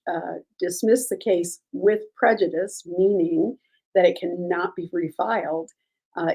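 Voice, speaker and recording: Woman with a scratchy voice, mellow and lowish. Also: creaky, husky. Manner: many ums and restarts, measured legal opinions. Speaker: livestream host discussing court cases. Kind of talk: casual live commentary, answering chat.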